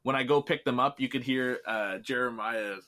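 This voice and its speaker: A Canadian filmmaker being interviewed speaks in a mid-range male voice at a moderate pace, sounding pushed and bright. His manner is easygoing, and his sentences often trail off in this casual chat.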